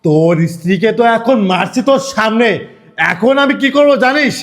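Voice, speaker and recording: Guy doing angry husband from a short film, shouting, taunting, high voice jumping all over. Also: animated, a little fast. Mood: furious. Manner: shouting, taunting, repeated "ei" interjections. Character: angry man posing as sweeper, the returned husband. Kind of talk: melodramatic short film acting.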